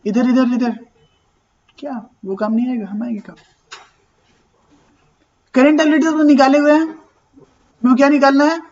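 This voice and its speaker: A man's voice: extremely high pitch, fairly even intonation, normal speed, pauses often, darkish tone, dull audio. A man teaching an accounting class, talking casually and asking and answering his own questions. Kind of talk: classroom lecture.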